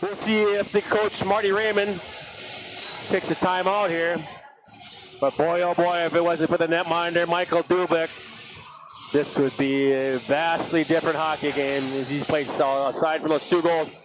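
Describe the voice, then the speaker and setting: A middle-aged man calling live hockey play-by-play, with excitable calls that jump high on big saves. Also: normal speed, over music. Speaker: play-by-play announcer. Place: ice arena broadcast booth. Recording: noisy arena stream.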